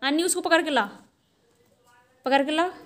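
A high-voiced woman, teaching children at a small home tuition class. She speaks in short, strict commands and keeps the class in line. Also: moderate pace. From Jharkhand, India.

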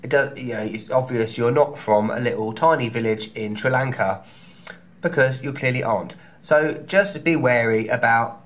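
A small hotel room is the setting as a thirtysomething man with a London accent vlogs travel tips, his camera held close at arm's length. The voice is mid-range and a bit bright, and he keeps things chatty and cheeky with quick asides.

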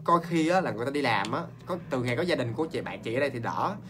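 A man with a Southern Vietnamese accent, hosting a ghost story show in a chatty, animated way and talking straight to his viewers. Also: medium pitch, background noise. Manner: animated, talks straight to viewers, quick asides and laughs.

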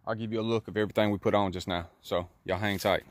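A man's voice: fairly low pitch, fairly even intonation, fast, a little hiss or hum. A man talking casually to his viewers beside his car after an install, still a little out of breath, chatty and laid-back. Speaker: car vlogger. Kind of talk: casual how-to vlog outro.

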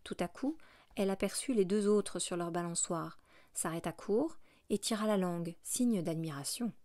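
A woman narrating a classic novel as an audiobook, in a measured, expressive reading. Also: lowish voice, dry recording, clean studio sound.

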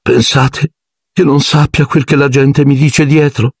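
A man's voice: mid-range voice, fairly even intonation, a little slow, creaky, breathy edge, no echo, clean studio sound, pitched above the performer's own voice. A man doing a wailing weepy girl ghost, Mirtilla. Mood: self-pitying. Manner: self-pitying, sing-song wailing.

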